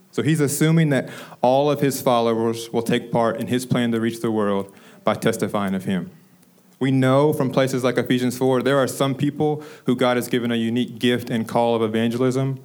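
A young man preaching a sermon to his congregation, telling a story and then slowing down to stress the key phrases. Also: mid-range voice, darkish tone. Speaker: preacher, ministry director.

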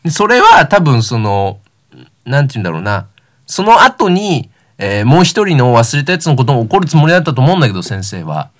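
A man's voice: mid-range voice, very animated, a little fast. A young man, about nineteen, hosting a solo comedic talk show and telling rambling, self-deprecating stories. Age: young adult, about 19.

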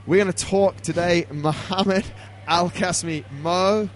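Male podcast host. Slightly high pitch, casual and jokey, matey delivery over a noisy background. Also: steady tone, slow.

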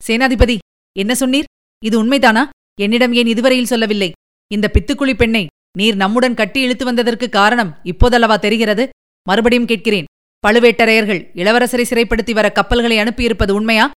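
A woman's voice: on the high side, fairly even intonation, fairly quick, clean tone, natural voice. A woman voicing a fiery, impatient young male army commander, speaking in heated, urgent questions.

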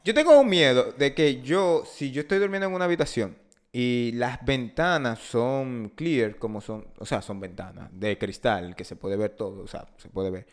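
A man's voice: mid-range voice, normal speed. A man with a Dominican accent telling anecdotes as a podcast co-host in casual, slangy talk, often repeating and interrupting himself. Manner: slangy, repetitive, self-interrupting.

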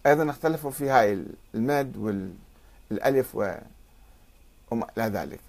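A man's voice: mid-range voice, animated, fairly quick, darkish tone. A middle-aged man giving an explanatory lecture, reading out paired word variants and citing sources. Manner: reads out paired word variants and cites sources, stressing each contrast.

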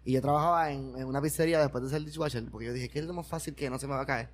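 A Puerto Rican comedian in casual chat, slangy and repeating words for emphasis. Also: male voice, mid-range voice, steady tone, racing. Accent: Puerto Rican Spanish.

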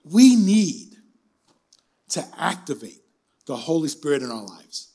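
An older man preaching a sermon in an emphatic, animated manner, leading the listeners in call-and-response. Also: medium pitch, moderate pace, gravelly, husky.

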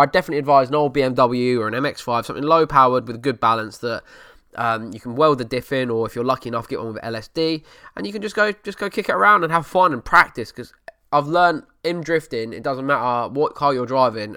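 A man's voice: mid-range voice, sharp tone, smooth, no echo, clean studio sound. A man with an Essex accent, hosting a podcast and casually chatting through listener questions, sometimes dropping letters from his words. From Essex, England. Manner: drops letters, over-pronounces some words. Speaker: podcast host.

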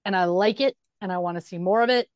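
A woman co-hosting a casual sports podcast, lively and excited, often laughing and talking over the others. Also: medium pitch, fast talker, no room sound, lo-fi sound.

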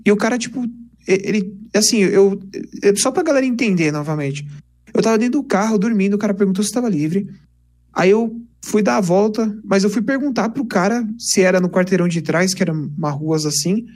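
A young man, casually telling lively stories on a podcast. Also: sits high, brisk. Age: 20s. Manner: animated, chatty, peppers speech with "cara". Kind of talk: casual storytelling chat.

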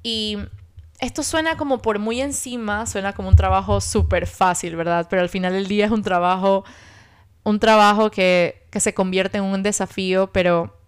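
A young woman, hosting a reflective personal podcast and talking in an intimate, soft-spoken way full of fillers. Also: mid-range voice, steady tone, normal speed, clear, resonant tone. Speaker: podcast host.

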